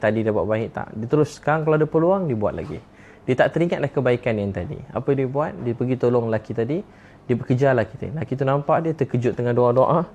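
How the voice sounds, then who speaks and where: A male preacher with a Malaysian accent delivers a sermon at a rapid clip. His voice sits in a middle register, and he repeats key phrases with fervent insistence. A faint hiss runs under the recording. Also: medium pitch, a little mellow, highs cut off.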